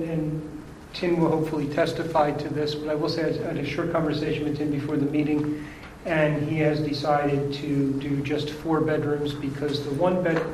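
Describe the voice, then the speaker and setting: A man, a township zoning official, updates the board at a public hearing in a measured, procedural way and a fairly high voice. The meeting room echoes noticeably, with a faint background hum. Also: a little mellow. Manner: measured, procedural, some restarts. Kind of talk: formal report at public hearing.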